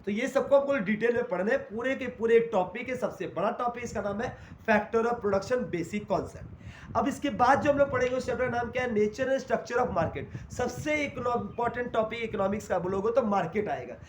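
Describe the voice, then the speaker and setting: Teaching a class in Hindi sprinkled with English terms, a man asks questions and then supplies the answers himself. His voice is very high-pitched and his speed normal, recorded in an echoey room with faint noise.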